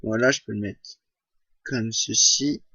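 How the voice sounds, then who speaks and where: A man walks through a software tutorial at a slow, unhurried pace. He hesitates often and corrects himself mid-sentence. The recording is dry and a little dull, made at a home computer. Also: fairly low pitch, steady tone, breathy edge, dry recording. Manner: slow, hesitant, many fillers and self-corrections.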